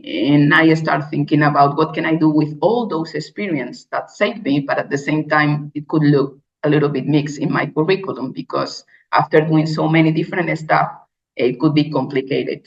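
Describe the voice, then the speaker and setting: Giving a personal keynote, this woman from Spain uses plain wording and a Spanish accent, stumbling and starting sentences over frequently. The lo-fi recording comes across dull, and her voice is low.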